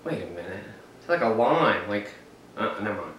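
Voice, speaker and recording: Man, eating vlogger, rambles as he chews, bright forceful tone, off-mic in a roomy, faintly hissy space. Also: on the low side, sing-song, moderate pace. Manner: rambling, chatty, talks while chewing. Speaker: mukbang vlogger. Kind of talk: casual eating vlog. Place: indoors, filming alone. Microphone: camera mic set up by himself. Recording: echoey room, mic at a distance, faint noise.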